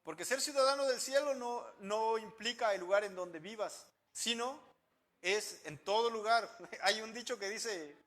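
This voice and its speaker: High, bright-voiced man preaching a sermon. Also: unhurried. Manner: asks the congregation questions and answers them; shifts loudness a lot. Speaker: pastor.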